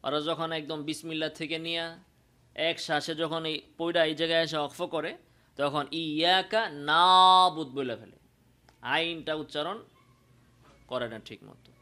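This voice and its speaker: Bangladeshi male recitation teacher, high bright voice, unhurried, drawn-out sung examples. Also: fairly even intonation. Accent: Bangladeshi Bengali. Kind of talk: tajweed pronunciation lesson.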